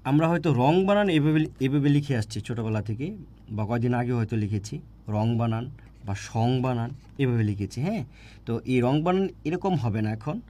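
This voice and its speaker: A man's voice: mid-range voice, lively intonation, moderate pace, dark tone. A man teaching a grammar lesson for exam preparation, repeating points and often checking with "right?". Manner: repetitive, asks students "right?" often.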